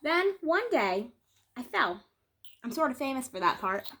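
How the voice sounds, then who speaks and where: Here a teacher, a woman with a high voice, performs a picture book for children, pausing dramatically and shaping each line with expressive, careful delivery.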